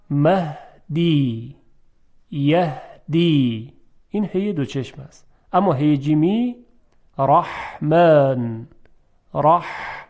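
A man teaching Arabic pronunciation, drawing out example words slowly and clearly, then explaining them quickly in between. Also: a little high, warm tone. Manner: clear, careful articulation. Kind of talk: language lesson.

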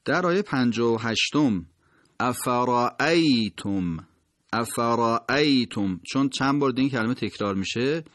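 A man teaching recitation. He explains pronunciation rules, then slowly and carefully sounds out each word as an example. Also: fairly low pitch, dry recording, studio quality.

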